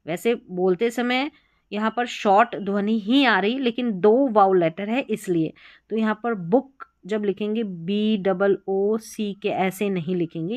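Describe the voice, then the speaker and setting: A woman's voice: medium pitch, no room sound, highs cut off. Indian woman teaching grammar, dry sound. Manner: explains step by step, repeats examples slowly. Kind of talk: exam-prep grammar lesson.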